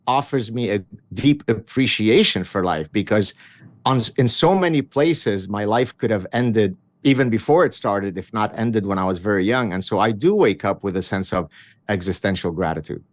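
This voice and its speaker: In a conversational interview, a guest author from Lebanon, aged in his fifties, recounts his childhood with wry self-mockery and many restarts. He speaks at a moderate pace in a fairly low voice, and the recording has no echo.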